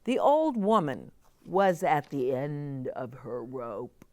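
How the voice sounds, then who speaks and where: A woman's voice: low voice, expressive, slow, a little mellow, no echo. A middle-aged woman reading a children's story aloud, expressively, with chatty asides explained simply as if to young children.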